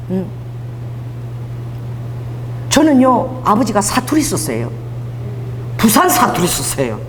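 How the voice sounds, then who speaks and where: A woman pastor delivers a sermon as lively storytelling, her voice pitched fairly high and swinging widely. The church hall gives a long echo, with faint noise behind her. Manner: animated storytelling with laughter.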